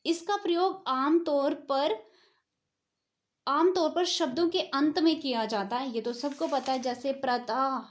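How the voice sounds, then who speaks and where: A woman's voice: high voice, measured pace. A woman teaching a grammar lesson, asking herself questions and repeating key words as she explains.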